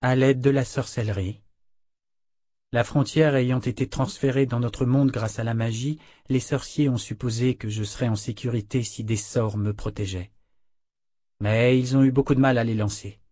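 A haunted young woman, as a male narrator puts her on, fragile and frightened, her soft voice trembling and slipping into whispers. The tone is husky and dark in a dry, close storybook reading. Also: medium pitch, fairly even intonation, moderate pace, no echo, natural voice. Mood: grave.

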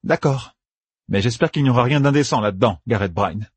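A man's voice: mid-range voice, brisk, husky, dry recording, voice pushed up, lightly acted. A man voicing a brusque, proud older woman who was once a leader, curt and commanding.

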